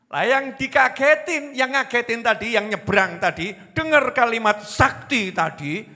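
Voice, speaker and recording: A man with a Javanese accent delivers a sermon in a bright, high voice that swings widely in pitch. He speaks slowly and acts out the people in his stories. His voice carries a long reverb, as if in a large hall. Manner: animated storytelling, acting out quoted voices, mixing in Javanese. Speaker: preacher.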